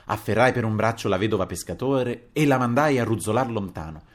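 A man narrating a novel as an audiobook, in an expressive, dramatic reading. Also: lowish voice, fairly quick. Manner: expressive, dramatic reading with wide swings in loudness.

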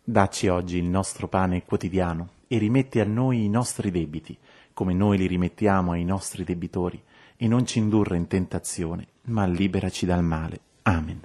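In steady, measured turns, a man with a very low voice recites the rosary, his delivery calm and devotional.

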